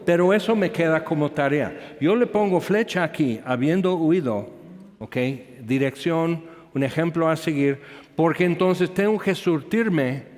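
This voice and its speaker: A man's voice: a little high, long reverb tail. A man preaching a sermon, telling a personal story full of asides and questions to the congregation.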